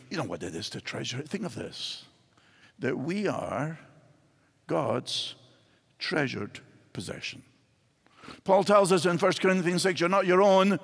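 An older Scottish man preaches a sermon from a church stage, gesturing widely as a pastor. His voice is a little high and fairly bright, with some vocal fry, and the large church gives it a hall reverb.

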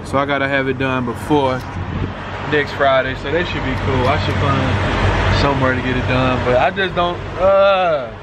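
Easygoing trucker vlogging over road noise. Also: male voice, medium pitch, moderate pace. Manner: relaxed, rambling, thinks aloud. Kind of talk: casual vlog talk to camera. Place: truck cab and outdoors at a warehouse. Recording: loud road and vehicle noise.

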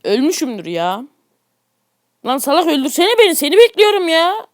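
A man giving casual, excitable commentary on a mobile game, grumbling at the game and chatting to his viewers. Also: very high-pitched, moderate pace, no echo, studio quality. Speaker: gaming YouTuber.

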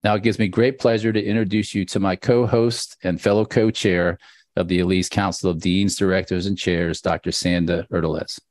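A man, a professor co-hosting a webinar, giving an earnest, measured opening speech over a headset on a video call. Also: deep voice, steady tone, a little mellow, no echo, studio quality. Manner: earnest, measured, slight fillers. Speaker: professor, co-host.

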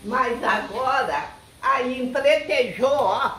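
A woman in her nineties with a rural Brazilian accent, chatting casually in an animated, exclaiming way. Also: high-pitched, slow pace. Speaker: elderly villager being visited. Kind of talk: casual chat. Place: open porch and kitchen of a rural house. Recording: noisy handheld outdoor recording.

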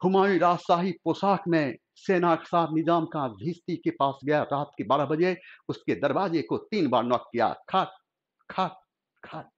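A male teacher tells history as theatrical drama, his voice pitched high. The recording is dull and lo-fi. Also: normal speed. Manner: emotional, theatrical narration. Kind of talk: dramatic history storytelling lecture.

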